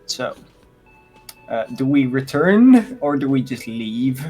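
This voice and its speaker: A man's voice: mid-range voice, big pitch swings, slow, a little mellow, slightly rough, faint music behind. A man giving casual commentary while playing a game, hesitant and giggly as he muses over choices. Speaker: let's-play player.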